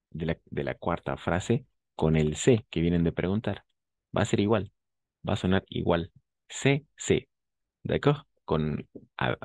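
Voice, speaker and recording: A man with a low, slightly mellow voice teaches a French class, patiently explaining pronunciation. He models words slowly and often checks that his students are following. The recording has no room sound.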